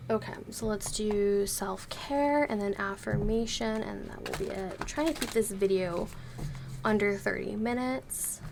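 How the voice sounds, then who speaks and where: Gentle, slightly hoarse woman reading tarot. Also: mid-range voice, background noise. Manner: slow, gentle, careful with her voice. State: slightly hoarse from being sick. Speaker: tarot reader.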